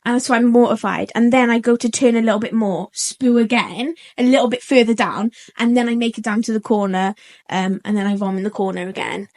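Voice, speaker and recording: An eighteen-year-old woman, telling a story on a podcast in an animated way, laughing often and acting out what people said. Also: on the high side, a little fast. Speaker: podcast co-host. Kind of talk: casual storytelling chat.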